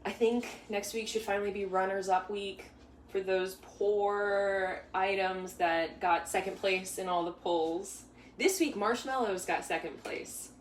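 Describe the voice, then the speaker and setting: A young woman with a medium-pitched voice hosts a casual live bake-along from her home kitchen, stirring a pot as she chats. She rambles, restarting often and drifting into side stories. The room echoes, the mic sits far away, and a faint hum runs underneath.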